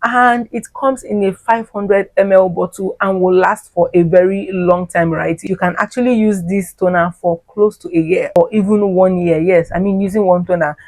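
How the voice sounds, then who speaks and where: A woman's voice: medium pitch, steady tone, normal speed, hardly any pauses, darkish tone, no room sound. A woman reviewing skincare products in a chatty vlog style. She often tags her sentences with "okay" and "right?". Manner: addresses viewers fondly as "my loves". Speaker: beauty vlogger.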